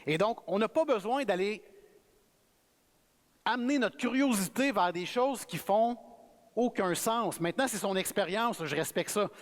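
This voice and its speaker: A man with a Québécois French accent, preaching as a guest speaker in a relaxed, friendly, conversational sermon. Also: sits high. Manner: relaxed, friendly, self-effacing. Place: church sanctuary. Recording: reverberant church hall.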